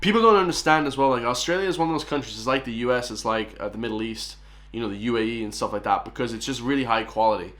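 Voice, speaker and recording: A man with an Irish accent hosting a reaction video, chatting excitedly and addressing his viewers as guys. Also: medium pitch, rapid-fire, soft background music. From Ireland. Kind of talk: casual reaction commentary.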